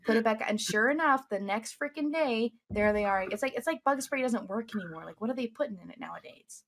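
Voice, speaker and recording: A woman's voice: a little high, animated, fairly quick, a bit bright. A woman streamer being interviewed, bubbly and giggly, with lots of "like" in her casual speech. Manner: bubbly, giggly, says "like" a lot.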